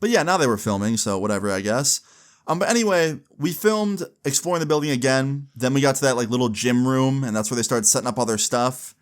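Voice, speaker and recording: A man's voice: mid-range voice, lively intonation, brisk, clean tone. A young adult man telling a personal story casually, in slangy, sweary language, acting out bits of dialogue as he goes. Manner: informal slang-heavy, swearing, acts out dialogue. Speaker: YouTube storyteller.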